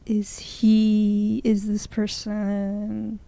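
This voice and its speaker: A young woman co-hosting a casual chat show, speaking slowly, with a bit of vocal fry. She giggles easily and gets flustered when teased. Her voice sounds close and dry. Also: mid-range voice, monotone, warm tone, no echo. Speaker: co-host.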